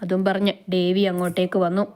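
A woman's voice: fairly low pitch, little pitch movement, quick pace, darkish tone. A woman with a Malayali accent narrating a romance story aloud, reading it dramatically and giving each character a voice.

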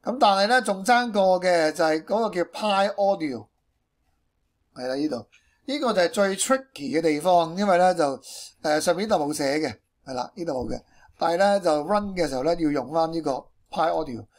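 A man with a Hong Kong accent and a high-pitched voice explains things step by step in an informal tutorial style. He peppers his speech with English technical terms. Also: expressive, a little fast. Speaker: programming tutorial presenter.

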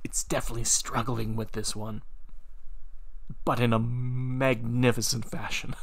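Amused male YouTuber, unhurried read with laughs, desk mic. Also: medium pitch, little pitch movement. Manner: amused, breaks into laughter while reading. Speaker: YouTuber reading computer-written stories aloud. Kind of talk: casual reading with commentary.

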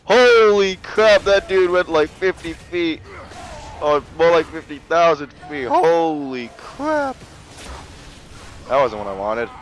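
A man giving casual gameplay commentary, excitable and jokey, with frequent exclamations and swearing. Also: on the high side, slow, low-quality recording. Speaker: gamer narrating a let's play.

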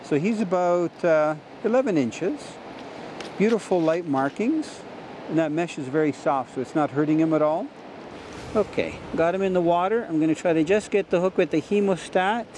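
Beside a mountain river, a middle-aged fishing host narrates on location with enthusiasm, explaining as he goes at a normal speed. His voice is slightly high for a man, over a steady bed of water noise.

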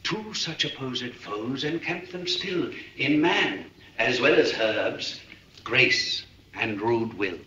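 A wise old friar reflects in slow, measured verse with a bright, forceful edge. The track is dull with a faint hiss, like an old film. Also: male voice, medium pitch, lively intonation, echoey room. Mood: reflective. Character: older friar, calm and wise. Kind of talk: 1950s film acting.

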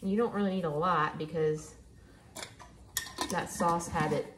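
This woman's voice sits on the low side and moves a little slowly. She hosts a home cooking video, relaxed and chatty as she works at her kitchen counter and gives casual cook-along instruction. An overhead camera frames the counter, with background noise from clattering dishes and pans.

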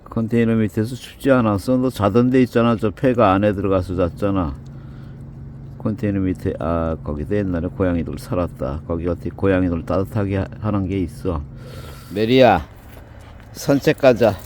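A man's voice: sits low, steady tone, fairly quick, darkish tone, slight background noise. A man giving casual running commentary outdoors before dawn, chatting, scolding and cooing at animals in turn. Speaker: video host.

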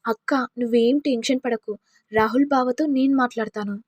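A woman voicing a meek, patient young wife who speaks softly and pleadingly. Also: fairly high pitch, steady tone, a little fast, dry recording, clean studio sound, close to an everyday voice. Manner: soft, pleading.

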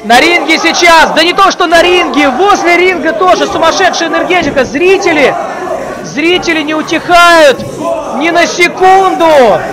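A man doing excited live play-by-play as a wrestling commentator, calling out move names and drawing out key words. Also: very high voice, normal speed, rough recording. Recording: crowd noise of a live event. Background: live wrestling crowd.

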